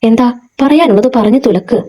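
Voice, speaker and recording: A woman's voice: on the high side, normal speed, warm tone, lightly acted. A woman reading a curt, jealous young woman. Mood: angry.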